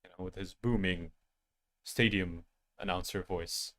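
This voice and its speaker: A man's voice: deep voice, fairly even intonation, measured pace, fairly bright tone. Youthful-voiced man chatting to his stream. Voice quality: youthful-sounding voice. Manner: rambling and self-deprecating, talking straight to his chat. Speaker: game streamer with an animated avatar. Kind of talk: casual end-of-stream chat.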